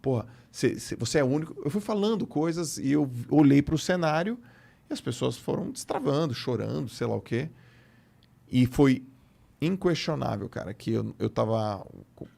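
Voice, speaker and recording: A man's voice: a little high, lively intonation, moderate pace, gravelly, a little mellow. A man talking on a podcast in a casual, emphatic way, repeating words for stress. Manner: emphatic, repeats words, says "velho" and "cara" often. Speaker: podcast guest. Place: podcast studio.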